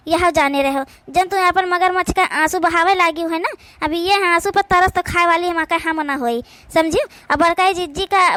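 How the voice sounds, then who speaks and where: A woman's voice: very high voice, pushed and bright, no echo. A woman with an Awadhi accent, voicing several village women in a family quarrel for a cartoon, pleading and scolding in turn. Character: quarrelling village women, mother and daughters-in-law. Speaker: cartoon voice actor.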